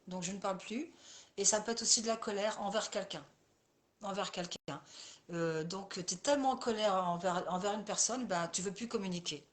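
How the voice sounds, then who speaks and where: A woman's voice: mid-range voice, fairly bright tone. A woman coach and therapist talking casually with viewers in a live session, speaking to them by name and often circling back over the same phrases.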